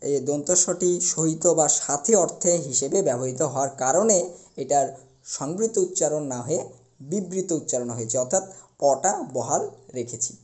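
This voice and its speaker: A young man teaching a recorded class, explaining step by step and slowly repeating the key words. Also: a little high, animated, dark tone.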